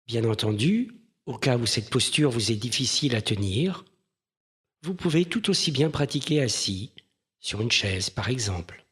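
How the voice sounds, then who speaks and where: A man guides a mindfulness meditation, gentle and measured, pausing between phrases. His voice is medium-pitched and husky with lively intonation.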